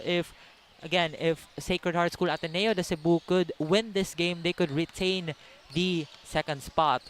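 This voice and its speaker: A male commentator with a Filipino accent talks through a pre-game preview in a high-pitched voice. He is halting, circling back and rephrasing, with faint gym ambience and ball bounces behind him. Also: a bit bright, slight background noise. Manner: halting, repeats and rephrases himself.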